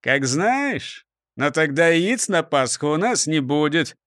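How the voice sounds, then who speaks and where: A man's voice: a little high, sing-song, slow, a bit bright, no room sound, clean studio sound, full character voice. A man reading a storybook and voicing a scornful, bossy male gang chief who barks and mocks. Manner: barking and mocking.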